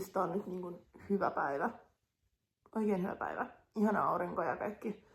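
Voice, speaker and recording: This home vlog features a twenty-something woman talking to her phone in a chatty, cheerful way, peppered with fillers. Her mid-range voice is mellow and shows vocal fry.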